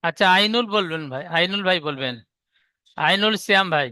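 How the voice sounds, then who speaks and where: Male teacher, high and bright, clean dry sound, patient and repetitive in his explanations. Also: lively intonation, clear, resonant tone, dry recording. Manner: patient, repeats each rule slowly. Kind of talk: teaching Arabic letter reading.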